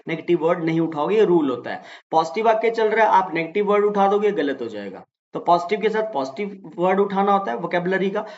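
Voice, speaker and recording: Male exam-prep tutor, higher-pitched voice, patient explainer who switches into English examples, muffled lo-fi audio. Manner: explains patiently, calls students "beta"; mixes Hindi with English example sentences. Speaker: English teacher.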